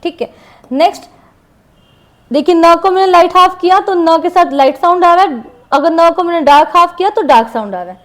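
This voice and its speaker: A woman with a high, light voice gives a shorthand class. She talks slowly and patiently and repeats each example word while she writes. The faint scratch of a pen on paper can be heard under her voice. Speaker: shorthand teacher. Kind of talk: classroom lesson explaining shorthand strokes.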